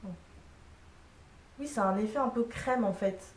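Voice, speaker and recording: A young woman with a slightly high voice speaks unhurriedly, sounding distant from the mic. She's a beauty vlogger casually and frankly reviewing makeup, chatty and full of fillers, in an echoey room where she's a bit off-mic.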